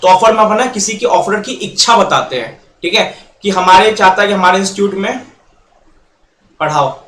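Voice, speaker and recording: A man teaching a lecture, explaining with quick role-played examples and mixing in English terms. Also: sits high, expressive, fairly bright tone. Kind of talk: classroom-style lecture. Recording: echoey room, faint background noise.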